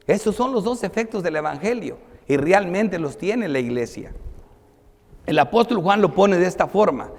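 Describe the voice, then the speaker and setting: Reading scripture and then unpacking it, a high-voiced male pastor delivers a sermon. His emphatic style swings from declaimed phrases to quieter moments, all wrapped in the lingering reverb of a spacious hall.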